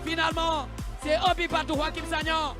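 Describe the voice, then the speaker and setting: A man's voice: very high-pitched, flat delivery, moderate pace. A man co-commentating on football, emphatic and repeating his phrases as he analyses play. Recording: loud music and stadium crowd behind.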